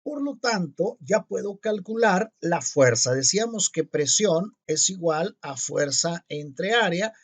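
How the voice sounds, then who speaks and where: A man's voice: high voice, lively intonation. A man teaching physics, working through exercises step by step and spelling out each calculation. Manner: deliberate, spells out each calculation and checks itself.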